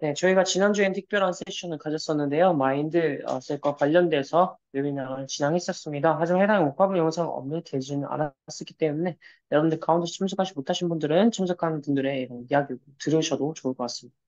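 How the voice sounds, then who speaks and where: Interpreter, man, formal polite delivery with hesitations; rapid and slightly high, dull lo-fi recording. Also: darkish tone. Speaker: Korean interpreter. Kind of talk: consecutive interpreting in a webinar.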